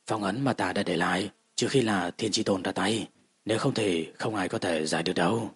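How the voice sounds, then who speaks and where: A man voicing a calm, confident young male martial lord who speaks in a light, offhand way. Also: low voice, a little fast, breathy edge, no echo, exaggerated voice.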